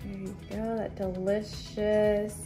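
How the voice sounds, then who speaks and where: A woman hosting a casual home cooking vlog, chatty and excited, tasting and explaining as she goes. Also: medium pitch, slow. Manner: excited, chatty, lots of mm sounds. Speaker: cooking channel host. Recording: roomy room with background music.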